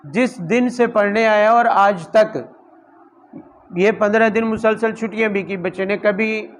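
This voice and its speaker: A man's voice: high voice, fairly even intonation, rough recording. A man, a Quran teacher and imam, giving a conversational sermon full of rhetorical questions and personal anecdotes. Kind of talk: Urdu Quran commentary sermon.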